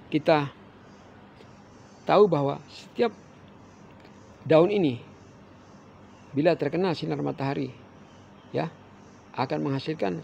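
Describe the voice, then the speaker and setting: A man's voice: on the high side, gravelly, a little mellow, muffled recording, a little hiss or hum. A man teaching durian farming outdoors, pointing out branches and addressing viewers as fellow farmers. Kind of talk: farming tutorial.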